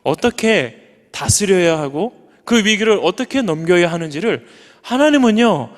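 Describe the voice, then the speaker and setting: High-voiced earnest male pastor preaching. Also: expressive, normal speed. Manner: earnest, builds to high emphatic peaks. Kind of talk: sermon. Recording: long church reverb.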